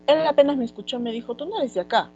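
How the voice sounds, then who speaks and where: Peruvian woman teaching a relaxed class. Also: sits high, fast, lo-fi sound, slight background noise. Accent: Peruvian Spanish. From Peru. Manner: conversational, many fillers like "este". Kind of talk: online class lecture.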